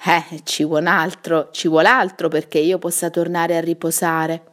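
A woman's voice: fairly low pitch, flat delivery, unhurried, fairly bright tone. A woman voicing a sad, talkative old male wizard in a bedtime story, wistful and self-pitying.

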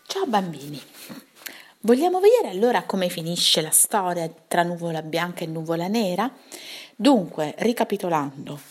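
A woman reading a bedtime story to children, gently recapping the plot for young listeners. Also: fairly low pitch, husky.

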